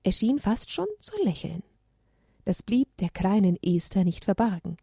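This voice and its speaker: A woman narrating a children's story aloud in an expressive read-aloud manner. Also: medium pitch, measured pace, gravelly, breathy edge, dry recording, clean studio sound.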